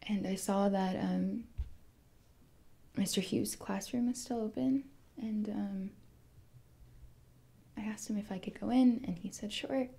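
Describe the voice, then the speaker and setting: An actress playing a shaken young female student, talking haltingly and often dropping to a whisper. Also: medium pitch, fairly even intonation, vocal fry, mellow, husky. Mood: hushed, hesitant. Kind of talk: short film acting.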